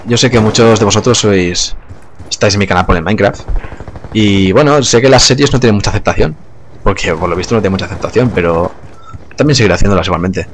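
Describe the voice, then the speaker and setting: Low-voiced young gamer, chatty. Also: male voice, a little hiss or hum. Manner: relaxed, chatty, swears casually, laughs often. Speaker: gaming youtuber. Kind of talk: casual gameplay commentary. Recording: gunfire behind the voice. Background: game gunfire and explosions.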